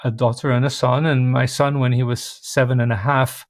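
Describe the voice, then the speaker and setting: A man, likely in his forties, speaking as a podcast guest on a video call, with a thoughtful, measured manner and light self-deprecating humor. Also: mid-range voice, flat delivery, dry recording, clean studio sound. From Switzerland. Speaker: guest, organizational consultant. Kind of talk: reflective interview talk.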